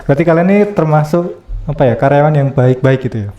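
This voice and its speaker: A man's voice: a little high, quick pace, echoey room, dull audio. A man hosting a casual office podcast chat, asking probing follow-up questions and tossing in frequent okays. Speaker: podcast host.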